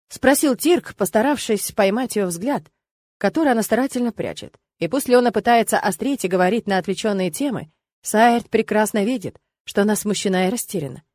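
A woman narrating a romance audiobook in an even, measured storytelling manner. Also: medium pitch, no room sound. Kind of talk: scripted narration.

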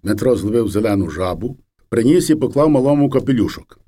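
A man reading a folk memoir aloud in an unhurried, storytelling way. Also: medium pitch, lively intonation, warm tone. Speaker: reader. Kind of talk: storybook narration of a first-person memoir.

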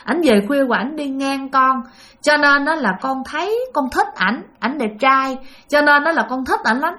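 A woman with a Southern Vietnamese accent voicing the ghost of an unborn child, speaking haltingly and pleading. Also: high-pitched, lively intonation, pushed and bright. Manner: halting, faltering speech.

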